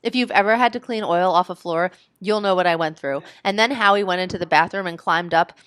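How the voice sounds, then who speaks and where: A woman's voice: fairly low pitch, fairly quick, a bit bright, clear, resonant tone, no echo, natural voice. Woman voicing a harried mother, rambling and exasperated; storybook read-aloud, dry sound.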